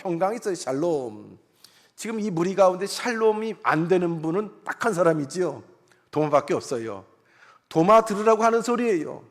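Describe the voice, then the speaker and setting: Man, pastor, sermon, high-pitched, earnest conversational preaching, church sanctuary, reverberant hall. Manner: earnest, conversational preaching with voiced inner thoughts.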